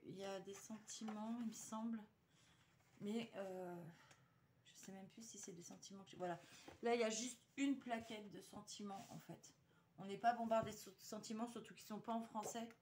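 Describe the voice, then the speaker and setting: Woman, casual haul vlogger, chatty and hesitant, mid-pitched, faint background hiss. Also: a little mellow. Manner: chatty, hesitant, many fillers and restarts. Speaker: vlogger showing a paper haul. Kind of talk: casual chat to viewers.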